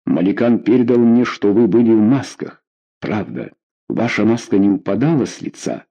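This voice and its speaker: A loyal, plainspoken captain of the guards talks in a steady, even way, as a male narrator voices him. His voice sits low, with a dark and husky grain, read as an audiobook character. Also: normal speed. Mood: probing.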